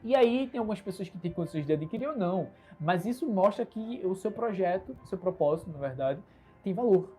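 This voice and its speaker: A man in his twenties from Recife, Brazil, with a Recife Brazilian Portuguese accent, hosts a solo livestream from his bedroom as an entrepreneur running his own channel. His high-pitched, expressive voice moves fairly quickly with a dark tone, and he comes across earnest, upbeat and self-assured, gesturing a lot. Soft music plays behind him, recorded on a smartphone camera.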